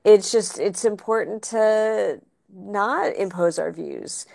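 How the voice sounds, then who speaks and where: Gravelly, mellow woman panelist. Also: mid-range voice, slow. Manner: agreeable, hesitant, restarts. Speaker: panelist, researcher. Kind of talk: panel discussion.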